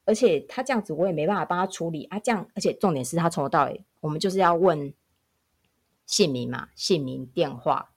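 Woman, public health nurse, low voice with fry, lively emphatic storyteller. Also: brisk. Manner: animated, emphatic anecdote telling. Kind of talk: casual podcast storytelling.

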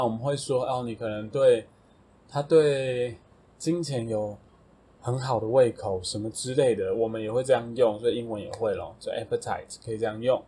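Husky-voiced man explaining English words. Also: mid-range voice. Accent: Taiwanese Mandarin. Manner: relaxed, thinks aloud with fillers and self-corrections. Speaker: podcast host teaching English vocabulary. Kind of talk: casual vocabulary explanation.

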